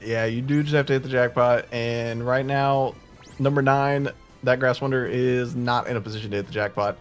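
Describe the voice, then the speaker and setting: Relaxed male co-caster breaking down plays. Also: medium pitch, normal speed, soft background music. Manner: relaxed, analytical, with fillers. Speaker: co-caster analyst. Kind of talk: esports color commentary.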